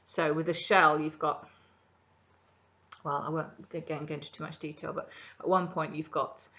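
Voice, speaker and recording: Speaking at normal speed in a deep, level, bright and forceful voice, a middle-aged woman hosts a crafting podcast from her home kitchen. Her casual show-and-tell about her projects is chatty and rambling, peppered with many ums.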